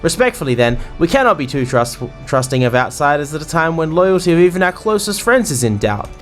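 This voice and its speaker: A man's voice: fairly high pitch, very animated, brisk, a bit bright, soft background music, voice pushed up. A man voicing a stern, suspicious male harbor officer who speaks formally and accusingly.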